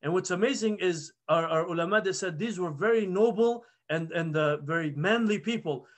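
A man in his thirties with a high-pitched voice speaks at normal speed while teaching a halaqa. He earnestly retells a prophet's story as a storytelling religious lesson, often restarting his sentences. He is recorded over a webcam video call in a plain indoor room.

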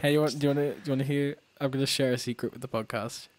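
A man's voice: mid-range voice, fairly even intonation, rapid-fire, dry recording. A man co-hosting a casual podcast, talking loosely with lots of fillers and frequent laughs. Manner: chatty, laughs often, trails off with fillers. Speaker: podcast co-host. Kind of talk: casual chat.

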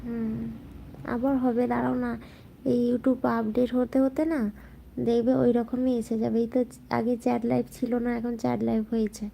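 A woman hosting a casual late-night live chat, talking softly and answering viewer comments as they come in. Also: a little high, level tone, normal speed, gravelly, a little hiss or hum. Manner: speaks softly so as not to wake sleeping family. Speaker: live stream host chatting with viewers.

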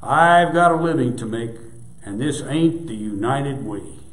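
A man's voice: mid-range voice, animated, unhurried, lightly acted. A weary landlord laying down the facts bluntly, with no patience left, voiced by a male preacher. His lines echo around a church sanctuary. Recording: echoey church room.

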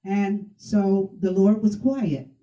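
A woman guest telling a lively faith testimony, often laughing between lines. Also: medium pitch, slow pace. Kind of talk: testimony storytelling. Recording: echoey, distant, dull sound.

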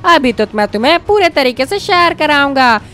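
A woman's voice: sits high, lively intonation, normal speed, sharp tone, faint music behind. A woman voicing a scrawny, vengeful male Hulk king in a game story, sneering and menacing.

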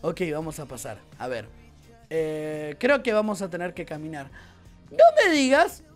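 A young man with a Rioplatense Spanish accent chats his way through a game for his viewers, talking to them directly and reacting aloud as things happen. His pitch swings widely and freely. Soft game music plays faintly under him. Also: animated, normal speed. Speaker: gaming YouTuber. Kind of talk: let's-play game commentary.

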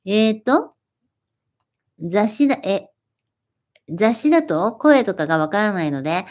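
A woman's voice: mid-range voice, measured pace. A woman in her forties talks casually to her livestream audience. She reads out viewer comments and answers them in a friendly way, sometimes poking fun at herself. Her voice moves up and down a lot as she talks. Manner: animated, friendly, self-deprecating. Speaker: livestream host.

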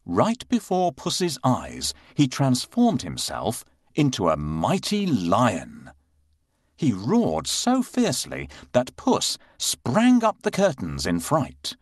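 A man narrating a bedtime fairy tale for children at a slow, deliberate pace. His voice is fairly low but leaps widely in pitch, adding playful sound effects. The recording is close and dry. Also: wildly swooping pitch, no echo. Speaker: storyteller.

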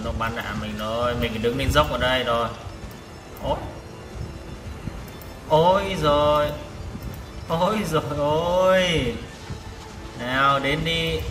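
A man with a voice on the high side gives live commentary while playing a tank game, exclaiming and repeating short phrases, with background noise present. He's a gaming vlogger recorded on a distant mic in an echoey, reverberant room, and loud game music plays behind him.

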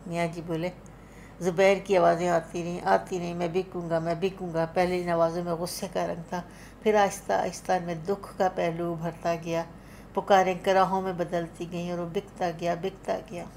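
Low-voiced woman narrating a literary story. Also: darkish tone, slight background noise. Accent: Pakistani Urdu. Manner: dramatic, voices the characters' cries with rising force. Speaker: audiobook narrator.

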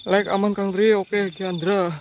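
A man's voice: sits high, level tone, a little slow, darkish tone, a little hiss or hum. A man with a Banyumasan Javanese accent, live-streaming a ghost hunt in a graveyard at night, joking nervously and gasping out exclamations and prayers. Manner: jittery, joking, frequent gasped exclamations and prayers. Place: outdoors in an old graveyard at night.

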